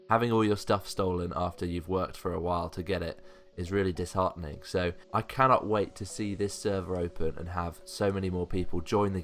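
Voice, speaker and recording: A man with a low-pitched voice narrates a countdown list for a gaming video. He sounds keen and hopeful as he comments on each item. Soft music plays behind his voice-over. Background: background music.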